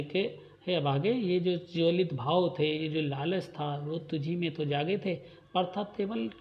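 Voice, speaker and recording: A man teaching a class lesson, reading lines of a poem and then explaining each word in simple terms. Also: on the high side. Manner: reads a verse, then paraphrases it slowly in simple words. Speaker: Hindi teacher. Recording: dull lo-fi recording.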